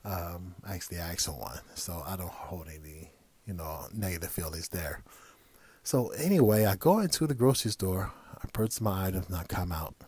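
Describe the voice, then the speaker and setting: Low-voiced man telling a casual story. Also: animated, moderate pace, darkish tone, breathy edge, no room sound. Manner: casual and conversational, chuckling asides. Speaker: podcast host. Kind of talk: personal storytelling podcast.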